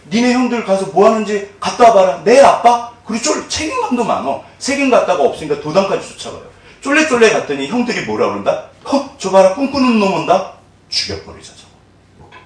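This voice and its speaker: A middle-aged man preaching a sermon as pastor, animated, telling the story with rhetorical questions and acted-out voices. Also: fairly high pitch. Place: church sanctuary. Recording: very echoey hall, distant mic.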